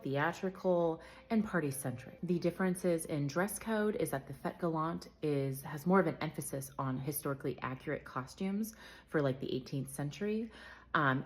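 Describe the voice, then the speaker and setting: A woman vlogger explaining and comparing two events in a conversational way, with frequent fillers and self-corrections. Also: low voice. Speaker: travel vlogger. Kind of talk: casual explainer talk.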